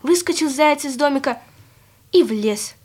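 A woman narrating a children's fairy tale in a gentle, expressive storytelling manner. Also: high voice, normal speed.

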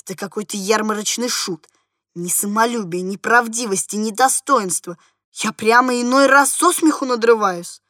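A woman's voice: a little high, moderate pace, no room sound, studio quality. A woman voicing an affected, fawning middle-aged society lady who gushes sweetly and turns disdainful. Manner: sugary and gushing, turning sharp and disdainful.

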